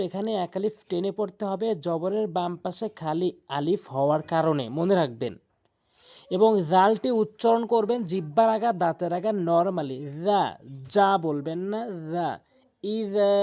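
A woman teaching Quran reading, spelling out Arabic letters in Bengali and chanting verses in long drawn-out tones. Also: fairly low pitch, mellow. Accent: Bangladeshi Bengali. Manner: drawn-out melodic recitation between plain explanations.

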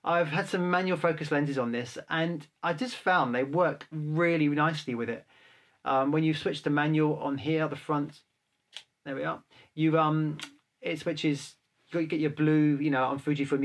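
A man, a photographer, casually answering viewer questions to camera in a relaxed, chatty way. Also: on the high side, moderate pace. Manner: chatty, relaxed, handles gear while talking.

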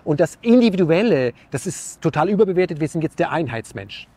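A man's voice: on the high side, very animated, fairly quick, dark tone. A man, an interview guest musing about life in an earnest, searching way, full of rhetorical questions and restarts. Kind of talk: reflective philosophical talk.

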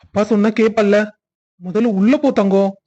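A woman voicing a tender middle-aged father in a cartoon family story, speaking softly and soothingly. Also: mid-range voice, steady tone, moderate pace, muffled recording, close to an everyday voice. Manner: soft, soothing.

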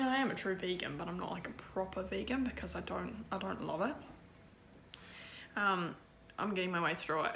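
A young woman vlogs casually to a handheld camera, starting in her home kitchen and then heading out on a bush walk. She's chatty and says "like" a lot, in a mid-range, gravelly, fairly bright voice. Faint background noise is audible.

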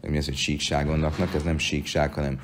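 A man's voice: a bass voice, flat delivery, slight background noise. A man giving a daily Talmud lesson, reading out the text and explaining it phrase by phrase. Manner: reads text aloud then explains in Hungarian, with fillers. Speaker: Talmud teacher.

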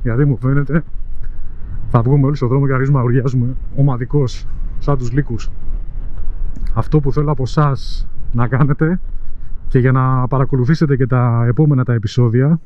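This Greek-accented man vlogs while riding his motorcycle around the city, talking casually and poking fun at his audience. He speaks at a medium pitch in a steady tone, pausing often, and the recording is dull.

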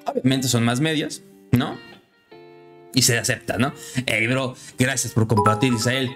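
A man chatting casually on a live stream, friendly and lively, his voice jumping higher when excited. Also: a little slow, music in the background.

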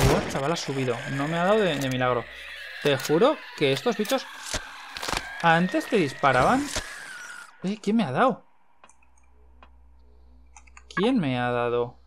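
Young male Castilian Spanish game streamer, slightly high voice, jumpy and chatty, noisy home mic with clicks. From Spain. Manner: excitable, swears when startled, repeats words in bursts. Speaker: gaming YouTuber. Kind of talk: live gameplay commentary.

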